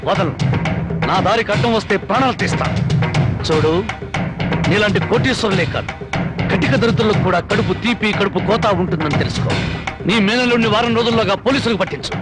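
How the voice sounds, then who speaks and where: Guy playing a hot-headed rogue, high lively voice, rattles it off fast, loud movie music under it. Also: natural voice. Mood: righteous fury. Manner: fiery speeches, then blustering threats. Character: fiery defiant man, comically rough kidnapper. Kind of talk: Telugu film dialogue. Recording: film soundtrack with loud music.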